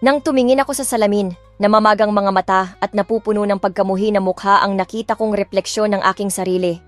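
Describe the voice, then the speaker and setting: This is a medium-pitched woman with a Filipino accent, reading quickly and with fairly even intonation in a clean recording with no echo. She narrates a romance audiobook in Tagalog and English from the heroine's first-person view, emotional but restrained, with background music.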